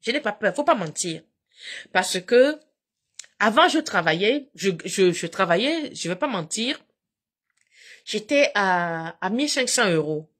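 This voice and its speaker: Husky-voiced woman telling stories to viewers. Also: medium pitch, unhurried, long pauses. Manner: animated, repetitive, addresses viewers directly. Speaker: live streamer talking to her viewers. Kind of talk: casual chatty storytelling.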